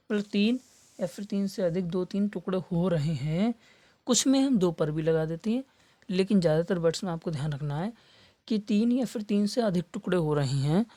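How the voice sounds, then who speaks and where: A male English teacher giving an exam-prep lesson with a warm, mellow tone. He spells words letter by letter, repeats the key terms, and draws words out slowly to make them stick. The sound is dry and close, with no room echo. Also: high voice. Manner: stretches words slowly for emphasis. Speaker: English teacher for competitive exams. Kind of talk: classroom lesson.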